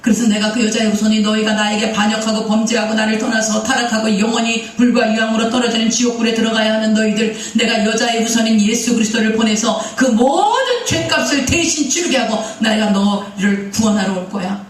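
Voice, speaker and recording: A patient, fatherly God coaxes a wayward child to come back, voiced by a woman preacher. The tone is gentle and insistent. It sounds distant, with heavy echo from the sanctuary. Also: fairly high pitch, steady tone, a little fast, few pauses, lightly acted. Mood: coaxing. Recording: echoey sanctuary heard from far off.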